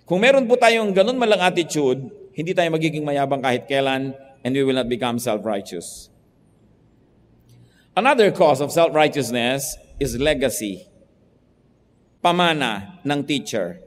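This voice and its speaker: A male pastor preaching a sermon, moving between quiet stretches and emphatic points. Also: medium pitch, animated, measured pace, long reverb tail. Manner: preaching in Tagalog mixed with English, swinging from soft to emphatic.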